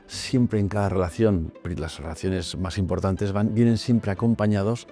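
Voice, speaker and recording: A man in his fifties from Madrid, a private bank executive speaking in a corporate interview, measured and pausing often with "eh". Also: sits low, warm tone, soft background music. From Madrid, Spain. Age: 50s. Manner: measured, with frequent "eh" pauses.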